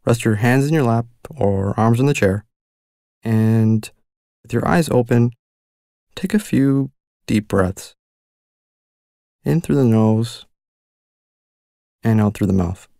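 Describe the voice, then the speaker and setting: Slow, creaky-voiced man guiding meditation. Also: mid-range voice, no room sound, clean studio sound. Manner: calm, gentle, unhurried instruction with long pauses. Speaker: meditation guide. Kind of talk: guided mindfulness meditation narration.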